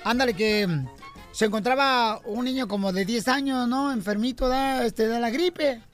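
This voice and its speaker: A man hosting a comedic radio show, talking loud and playful. He teases his co-hosts and tells jokes with plenty of energy. Faint music sits under his voice. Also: very high-pitched, moderate pace. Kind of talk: comedic radio banter and joke telling.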